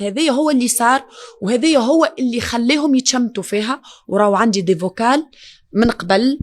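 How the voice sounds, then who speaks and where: Distraught Tunisian mother, rapid speech. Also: on the high side. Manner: distraught, pleading, grief-stricken. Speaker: mother of the victim. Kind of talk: emotional interview.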